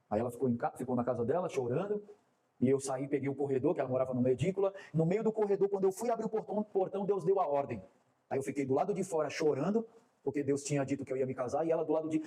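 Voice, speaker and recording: A man preaching a sermon as pastor, animated and acting out quoted dialogue. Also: high-pitched.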